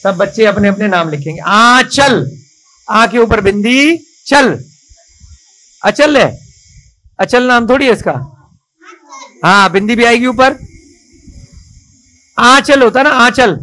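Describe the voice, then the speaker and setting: A man teaching children to write a script in a classroom, coaxing and praising them and spelling out each stroke slowly. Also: very high voice, pushed and bright, rough recording.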